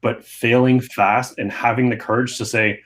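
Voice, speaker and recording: A man's voice: medium pitch, steady tone, moderate pace, fairly bright tone, poor audio. A man speaking earnestly as a guest in a casual panel discussion.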